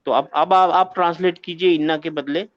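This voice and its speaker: A man teaches an Arabic grammar class, firing questions at his students and repeating key phrases until they stick. His voice sits a little high for a man. The sound is dry, muffled and lo-fi. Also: fairly even intonation, a little fast, no echo. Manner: quizzes students, repeats phrases, corrects them patiently.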